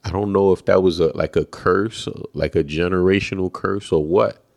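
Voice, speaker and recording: Very low, gravelly laid-back man. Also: fairly even intonation, normal speed. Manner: laid-back, affirming, says "man" a lot. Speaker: podcast co-host. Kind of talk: casual faith chat.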